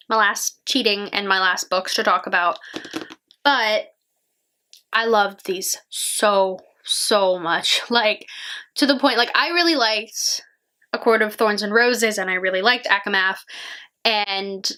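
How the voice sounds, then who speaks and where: A woman's voice: on the high side, bright, forceful tone. A young woman chatting casually about her favorite books, gushing and peppering her talk with "like". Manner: gushing and chatty, heavy use of "like". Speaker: book vlogger. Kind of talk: casual book review vlog.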